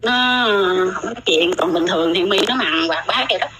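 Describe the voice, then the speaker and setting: A woman's voice: on the low side, fairly quick, sharp tone, low-quality recording. A middle-aged woman, telling her own story in casual, rambling talk and often repeating her words.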